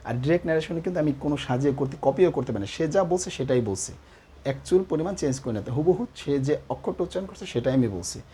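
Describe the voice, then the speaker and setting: Patient male teacher with a mellow voice. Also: fairly high pitch, expressive, fast talker, slightly rough. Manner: explains patiently with repeated check questions. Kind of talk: classroom grammar lesson.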